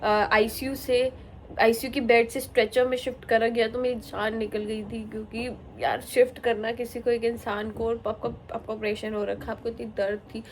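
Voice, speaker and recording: Young female vlogger, candid and emotional, slightly high voice, light background noise. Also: level tone, moderate pace, darkish tone, low-quality recording. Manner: emotional, candid, mixes English into her talk. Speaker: vlogger, new mother. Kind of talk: casual vlog talk to camera.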